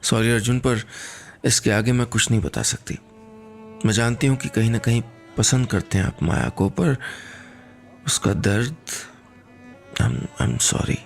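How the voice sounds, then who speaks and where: A man voicing a gentle, emotional young married woman in a radio story, speaking softly and with feeling. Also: medium pitch, lively intonation, moderate pace, faint music behind, close to an everyday voice.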